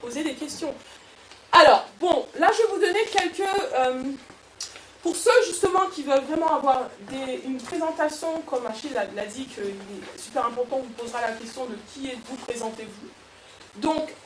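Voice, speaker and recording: A woman coach giving a lively motivational workshop talk to an audience, with frequent restarts. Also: sits high, normal speed, slight background noise. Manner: lively, animated, with many restarts. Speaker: personal development coach. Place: event room with an audience. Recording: echoey room, far from mic.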